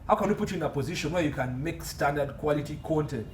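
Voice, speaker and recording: Speaking fast in a fairly high voice, a man with a Ugandan accent gives expert interview commentary as an entertainment law consultant. He emphasizes points by repeating phrases. The recording comes from a distant mic, with faint noise in the background.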